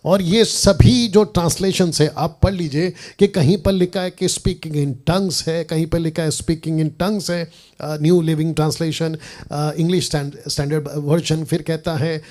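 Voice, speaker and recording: A man's voice: fairly high pitch, fairly even intonation, darkish tone. Argumentative man teaching the Bible. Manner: reads English verses slowly and deliberately; argumentative, asks the audience pointed questions.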